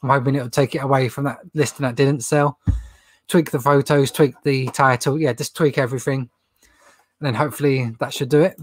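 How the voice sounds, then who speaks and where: A young adult man with a runny nose talks fairly quickly in a steady, mid-range voice with no room sound. Hosting a casual reseller livestream Q&A indoors in a shelved stock room, he rambles chattily and laughs at his own jokes.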